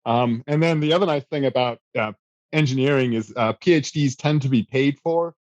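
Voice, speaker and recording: A South African man in his thirties, appearing as a guest, gives casual interview answers about his past at a normal speed, relaxed and self-deprecating, with many fillers and small restarts. His middle-pitched voice is recorded close in a dry room. There's no room sound, and the highs are cut off.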